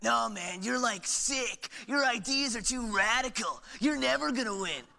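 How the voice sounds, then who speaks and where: A man's voice: very high voice, lively intonation, unhurried, creaky, pushed and bright, pitched above the performer's own voice, exaggerated voice. A young man voicing a dismissive teenage classmate with a blunt, offhand manner, on a school stage.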